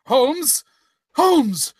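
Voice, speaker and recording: A fussy, bumbling doctor played by a man in a live radio comedy. He stammers in indignation, with unhurried but swooping delivery and a close, dry sound. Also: very high-pitched, sing-song, a little mellow, no echo, full character voice. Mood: alarmed. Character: flustered, bumbling, indignant doctor, detective's loyal friend. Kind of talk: live comic old-time radio drama acting.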